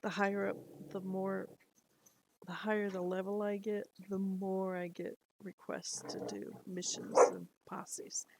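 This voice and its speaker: A woman's voice: mid-range voice, level tone, a little slow, background noise. A middle-aged woman chatting casually to camera at home, rambling and laughing often. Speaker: lifestyle vlogger. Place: at home, indoors.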